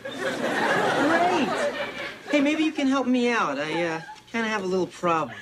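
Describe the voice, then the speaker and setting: A young actor playing an eager, good-natured teenage son in a sitcom. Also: male voice, very high-pitched, expressive, unhurried, a loud crowd. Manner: eager, pleading. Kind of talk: sitcom acting. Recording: noisy TV sound with studio laughter.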